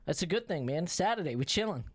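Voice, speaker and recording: A man's voice: fairly high pitch, sing-song, fast talker, dry recording. A man in his thirties co-hosting a radio podcast, casual chat full of blunt, profane street slang. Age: 30s.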